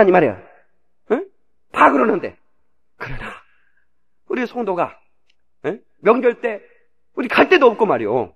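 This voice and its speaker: A male pastor preaches to his congregation. His voice is high and swings widely in pitch, jumping from near-shouts to quiet asides. It comes from an old cassette tape recorded in a church. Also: slightly rough, dull audio. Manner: animated preaching, sudden shouts and drops to a hush. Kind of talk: sermon. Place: church sanctuary.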